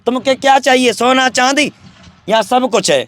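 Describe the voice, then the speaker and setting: This wandering holy man from Braj, India, has a very high-pitched, slightly bright voice and keeps a moderate pace. Being interviewed, he goes on and on about spirits and devotion in a preachy, boastful style.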